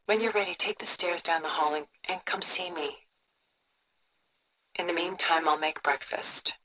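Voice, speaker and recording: Tilda, refined woman, bright voice. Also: fairly low pitch, rough recording. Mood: calm, reassuring. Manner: refined, measured, contemplative, soft breathy phrase endings. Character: cultured, composed older woman, wealthy art collector. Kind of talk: video game character dialogue, museum-guide storytelling.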